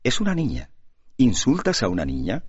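A man voicing a gentle, pious young man who talks softly and pleadingly, in an audiobook with a dull sound. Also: medium pitch, huge pitch swings, normal speed, husky, pitched above the performer's own voice. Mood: earnest. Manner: soft and pleading. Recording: dull lo-fi recording.

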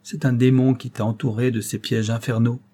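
A man's voice: mid-range voice, level tone, fairly quick, dark tone, lightly acted. A man reading aloud, voicing a young officer who speaks ardently to his beloved. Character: middle-aged male officer, heartfelt lover.

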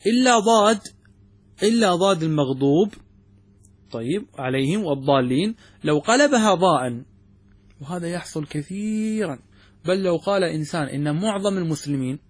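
A man teaching religious law, explaining a text step by step and often asking his students whether it is clear. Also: a little high, lively intonation, moderate pace, long pauses, no echo. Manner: poses questions then answers them. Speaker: sheikh teaching Islamic jurisprudence. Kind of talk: classroom commentary on a text.

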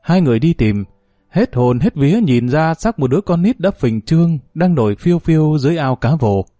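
A man narrating a village crime story in a steady, measured way. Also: fairly high pitch, no room sound.

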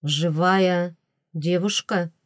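A woman voicing an ardent, eager adult prince, speaking slowly and emphatically, a little louder than her narration. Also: on the low side, steady tone, no room sound, studio quality, natural voice. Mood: probing.

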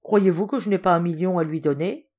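Woman doing a loud jolly old russian general, bossy and generous, kinda low voice. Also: a little fast, natural voice. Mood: brisk. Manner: exclamatory, commanding, jovial.

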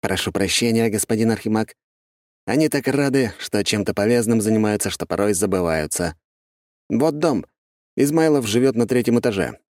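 A male audiobook reader voicing a loyal, blunt male investigator with lively, emphatic delivery. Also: lowish voice, no echo, clean studio sound, lightly acted. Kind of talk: audiobook character voice.

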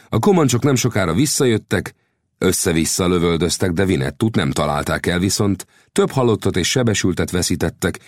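Deep-voiced man narrating with lively swings. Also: no echo, clean studio sound. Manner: lively storytelling, rising with the action. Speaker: audiobook narrator. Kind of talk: scripted narration of an adventure novel.

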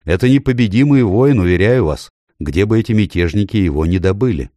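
A man reading an audiobook, voicing a calculating courtier lord who speaks smoothly and persuasively. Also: fairly low pitch, animated, a little fast, dark tone, no echo, clean studio sound, voice pushed up, natural voice. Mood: sly.

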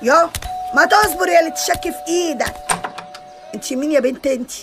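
An actress playing a loud, doting, meddlesome Egyptian aunt in a radio comedy, with an Egyptian accent and a theatrical, wailing way of scolding. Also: female voice, high voice, fast talker, over music. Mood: fussing, doting. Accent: Egyptian Arabic.

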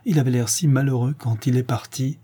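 A man voicing an old peasant woman, a devoted nurse who speaks gently and earnestly. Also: mid-range voice, steady tone, a little fast, husky, lightly acted. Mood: tender.

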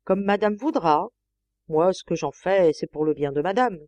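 A cheeky young chambermaid coaxes her mistress with calm impudence, as a woman reader voices her. Her pitch rises and falls freely. The sound is dry and close. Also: moderate pace, dry recording, close to an everyday voice. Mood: coaxing. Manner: brazen, coaxing. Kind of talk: audiobook character voice.

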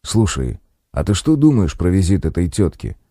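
A man doing a low, quiet thoughtful man. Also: big pitch swings, normal speed, no room sound, studio quality. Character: thoughtful man, worried and practical.

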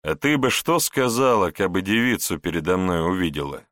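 A man reading an audiobook, voicing a gruff, wry grand prince tired of quarrels. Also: low-pitched, very animated, brisk, a bit bright, no room sound, clean studio sound. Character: brusque grand prince, exasperated husband.

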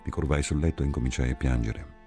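A man reading a literary novel aloud as an audiobook, in a grave, measured and hushed manner. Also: rumbling low, fairly even intonation. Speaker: audiobook reader. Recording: soft music behind.

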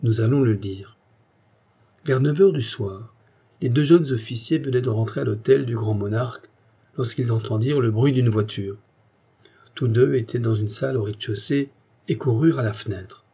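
A man narrating a classic novel in a measured, expressive reading. His voice is soft and mellow, with a husky edge. It sounds like a studio audiobook. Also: medium pitch. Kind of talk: scripted literary narration.

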